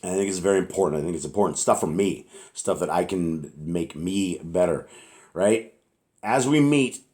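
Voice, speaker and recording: Deep raspy-voiced man teaching scripture. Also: a little mellow. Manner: rambling, earnest, asks "right?" often.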